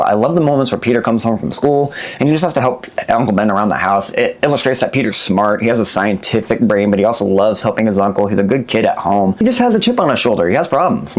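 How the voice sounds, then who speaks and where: A man giving a casual, enthusiastic movie review and swearing freely as he talks. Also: fairly low pitch.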